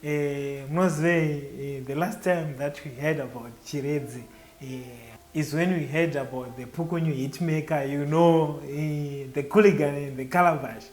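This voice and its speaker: Man around 30, zimbabwean english accent, slightly high pitch, casual with fillers, echoey room. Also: a little mellow. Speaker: contestant entrepreneur.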